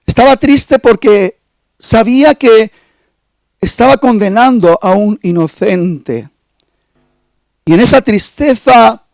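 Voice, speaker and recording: A man's voice: sits high, darkish tone, no room sound, poor audio. A male pastor preaching a sermon, stressing key phrases emphatically.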